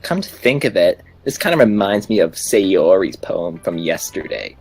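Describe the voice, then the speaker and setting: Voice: low-pitched, sing-song, moderate pace, darkish tone, husky, soft background music, pitched below the performer's own voice, full character voice. A player reading as a blunt, teasing schoolgirl. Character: prickly teen girl club member. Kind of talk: reading visual novel lines aloud.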